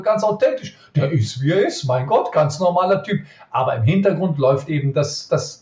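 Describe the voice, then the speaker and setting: A middle-aged magician from Cologne with a Cologne accent, answering interview questions emphatically and tagging points with quick questions. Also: male voice, fairly high pitch. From Cologne, Germany. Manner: emphatic, lively, frequent "ja?" tag questions. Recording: roomy, dull lo-fi sound.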